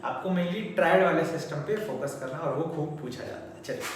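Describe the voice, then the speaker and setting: A male chemistry teacher, lecturing at the board in a chatty, coaxing way and repeating terms slowly for students. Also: a little high. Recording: very echoey room, mic far off, faint noise.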